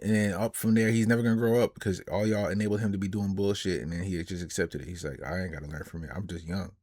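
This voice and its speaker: A man's voice: deep voice, fairly even intonation, fast talker, dry recording, clean studio sound. Blunt slangy man ranting. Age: 20s. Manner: blunt, emphatic, slangy, trails off quieter at phrase ends. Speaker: reaction streamer. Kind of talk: casual reaction commentary.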